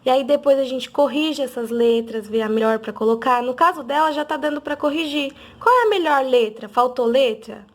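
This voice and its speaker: This high-pitched woman is a literacy teacher, and she sounds out letters slowly and clearly with real patience. The clip is an instructional video made for parents.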